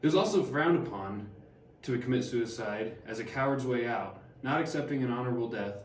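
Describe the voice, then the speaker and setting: A man's voice: mid-range voice, brisk, a little hiss or hum, lightly acted. Harriet Martineau, learned older woman, a young man reading, echoey room, distant mic. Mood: measured. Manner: reads plainly with small stumbles. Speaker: student actor. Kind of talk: amateur class skit read from script.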